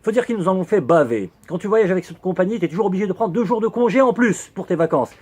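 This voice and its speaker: Sarcastic man with a high voice. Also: expressive, quick pace, a little mellow, breathy edge. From Algeria. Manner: ironic, sarcastic punchlines. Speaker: humor columnist. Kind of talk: satirical comic monologue.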